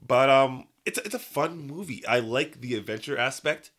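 A man's voice: mid-range voice, moderate pace, fairly bright tone. A man giving his take on a film podcast in casual, slangy, slightly hesitant review chat.

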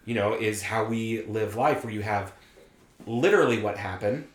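A man's voice: fairly low pitch, moderate pace, reverberant. A man chatting as a podcast guest, enthusiastic and rambling, full of "like"s. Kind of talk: casual chat.

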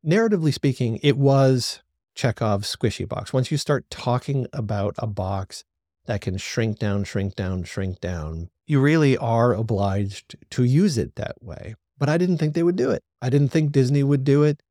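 A man's voice: mid-range voice, moderate pace, warm tone, dry recording, studio quality. A man hosting a solo review podcast, talking through his opinions in an analytical, opinionated way. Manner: opinionated, analytical, talks things through aloud. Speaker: podcast host reviewing a TV series.

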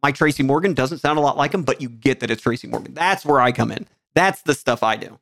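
A man's voice: medium pitch, fast talker, vocal fry, fairly bright tone, no room sound, clean studio sound. A man co-hosting a podcast in casual banter, cracking jokes and slipping into goofy accents and impressions. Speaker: podcast co-host.

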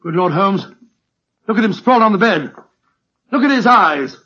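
Doctor Watson, high-pitched, blustery Briton. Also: male voice, expressive, normal speed, bright, forceful tone, slightly rough, exaggerated voice. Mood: shocked. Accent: British. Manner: blustery, avuncular. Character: genial, excitable, bumbling older doctor, detective's loyal sidekick. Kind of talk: 1940s radio drama acting. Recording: lo-fi old radio recording with music.

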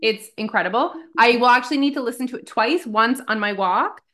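A woman co-hosting a podcast in casual chat, talking in a relaxed way and laughing off her own stories. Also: fairly high pitch, a little fast. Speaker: podcast co-host.

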